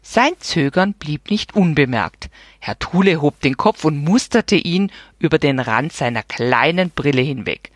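A woman narrating a children's story in a calm, even way. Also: sits low, measured pace, no room sound. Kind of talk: audiobook reading of a children's story.

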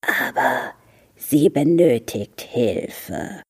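Woman putting on a hoarse grumpy pet turtle. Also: very deep voice, expressive, very slow, heavily acted. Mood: grumpy impatient. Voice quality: hoarse, hissing. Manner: impatient, sarcastic.

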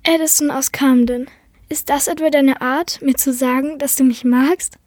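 A woman voicing a young female Siamese cat in a lively, teasing way in a storybook reading. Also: sits high, moderate pace, no echo, clean studio sound, natural voice.

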